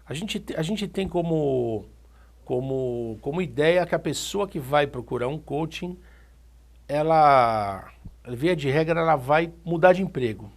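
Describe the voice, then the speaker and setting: Man, Brazilian Portuguese accent, TV host interviewing, slightly high voice, winding questions. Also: expressive, a little slow. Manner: long, winding questions with many restarts.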